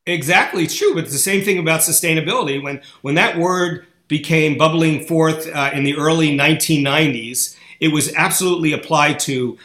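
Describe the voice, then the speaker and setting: Interview guest, male, blunt and argumentative, bright tone, roomy echo. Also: on the high side, a little fast, few pauses. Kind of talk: interview answers. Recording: echoey room.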